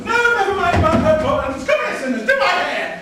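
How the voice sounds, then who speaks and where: A woman playing a bossy, haughty pantomime stepsister in a shrill, camp, exaggerated stage manner. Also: big pitch swings, quick pace. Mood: bossy, scornful. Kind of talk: stage pantomime in rhyming verse. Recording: echoey hall, far from microphone.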